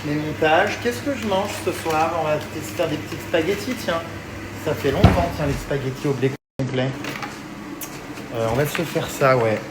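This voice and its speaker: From his home kitchen, a male vlogger chats casually with his viewers in a fairly high-pitched voice, against heavy background noise. Excitable and talkative, he gets worked up easily, swears freely and vents at length.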